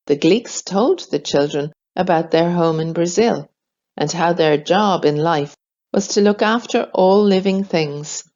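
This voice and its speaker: A woman reading a children's storybook aloud, slow, clear and expressive. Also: fairly low pitch, highs cut off.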